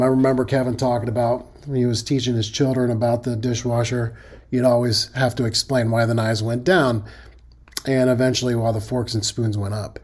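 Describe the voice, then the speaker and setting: A man's voice: medium pitch, darkish tone. A middle-aged man with a Midwestern accent, hosting a safety podcast in a folksy, conversational monologue that now and then corrects itself.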